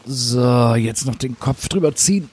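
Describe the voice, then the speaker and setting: A man in a comedy sketch, talking in a flustered, hurried way. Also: mid-range voice.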